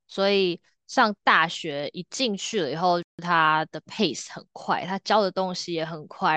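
A young woman with a lowish voice co-hosting a casual podcast, recorded dry and close. She talks in a reflective, storytelling way. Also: a bit bright, no echo. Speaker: podcast co-host.

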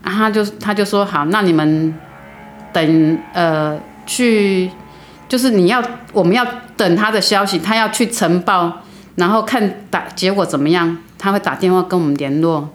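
A middle-aged woman from Taiwan, a guest telling a personal story earnestly, with halting restarts. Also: lowish voice.

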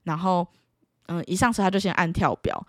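A woman's voice: fairly low pitch, fairly quick, dry recording, studio quality. A young woman with a Taiwanese Mandarin accent, telling her own stories in a casual, exasperated way and acting out the dialogue. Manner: exasperated, animated, acts out quoted dialogue. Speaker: vlogger. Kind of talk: casual storytelling to camera.

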